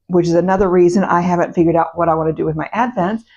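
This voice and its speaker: A woman with a drawl talks casually to camera at home, still in her slightly rough morning voice. Her pitch sits on the low side for a woman, and she wanders from thought to thought, correcting herself as she goes. The recording sounds a bit dull and muffled. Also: steady tone, fast talker, darkish tone. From United States. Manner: chatty and meandering, with fillers and self-corrections. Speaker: vlog host. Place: home, indoors.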